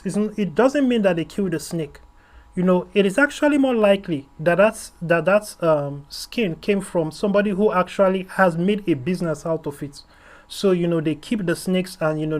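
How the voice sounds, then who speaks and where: Blunt, rambling male reviewer with high voice. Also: a little mellow. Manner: rambling, many fillers, blunt opinions. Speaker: host and series reviewer. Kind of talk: opinionated review commentary.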